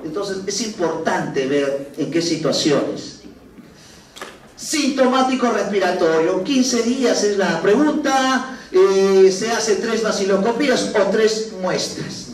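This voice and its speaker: A high-voiced man lectures medical students in a lively, joking way, mimicking patients as he goes. He is captured from some distance in a large, echoey room with a faint hum of ambience. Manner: animated, acts out patients' complaints with laughs. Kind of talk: classroom lecture. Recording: roomy distant classroom recording.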